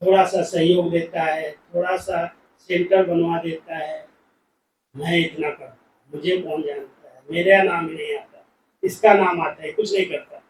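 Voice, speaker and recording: A high-voiced man gives a devotional class talk, telling anecdotes and acting out the lines of the people in them. He sounds as if he is some distance from the microphone. The hall around him is echoey, with faint background sound. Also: fairly even intonation, a little slow, a little hiss or hum. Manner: storytelling, acting out quoted dialogue. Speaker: spiritual speaker.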